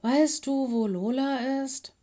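A woman's voice: high voice, slow, dark tone, pitched above the performer's own voice. A woman voicing a cheerful, curious young male fox cub in a children's audiobook.

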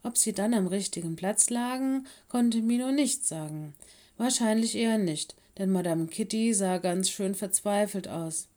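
A woman narrating a children's story in calm, clear storytelling. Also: mid-range voice, a little slow. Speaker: audiobook reader.

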